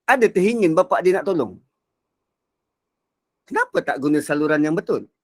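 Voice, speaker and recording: Expressive male religious teacher. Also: fairly high pitch, moderate pace. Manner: expressive, acts out quotes, shifts between soft and loud. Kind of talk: Quran reflection lecture.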